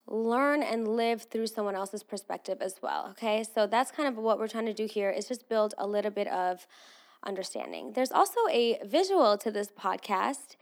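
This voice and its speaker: Woman, twenties, Armenian native speaker, podcast host, chatty solo talk, slightly high voice. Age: 20s. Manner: chatty and candid, with asides to listeners. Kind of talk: casual solo podcast chat.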